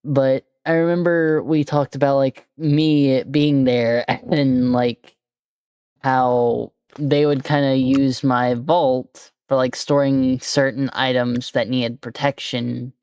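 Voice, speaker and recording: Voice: mid-range voice, takes it slowly, smooth, no room sound, highs cut off. Laid-back podcast host, dry sound. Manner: relaxed, brief listening cues, sometimes hesitant. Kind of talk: casual chat interview.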